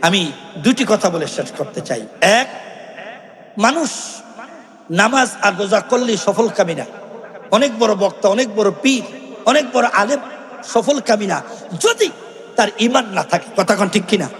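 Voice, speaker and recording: At an outdoor religious gathering, a male Islamic preacher with a high voice and lively intonation speaks at normal speed, leaving long pauses. His fervent Bengali waz sermon, delivered through a stage microphone, mixes chanting, call-and-response with the crowd, and sudden sung devotional verses, carried by echoey loudspeakers with long reverb.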